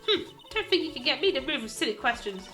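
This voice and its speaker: A bossy old battleaxe of a guard in a courtroom video game, as a woman plays her. She scolds and rants loudly in a raised, shrill voice, quick to take offense. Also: sing-song, soft background music, full character voice. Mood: scolding. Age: older. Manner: loud, shrill, scolding rant. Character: cranky, lovestruck old female security guard.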